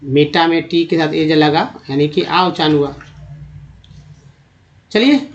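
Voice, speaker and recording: A man teaching English pronunciation to Hindi speakers, spelling out words and repeating each one slowly while quizzing the viewer. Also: fairly high pitch, fairly even intonation, slight background noise. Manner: repeats each word slowly, drilling vowel sounds; addresses viewers as friends, asks rhetorical questions. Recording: dull lo-fi recording.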